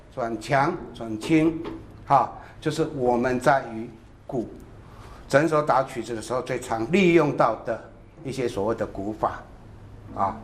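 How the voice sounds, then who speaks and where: A man's voice: medium pitch, echoey room, a little hiss or hum. A man teaching a drum class who calls out counts and short cues between demonstrations.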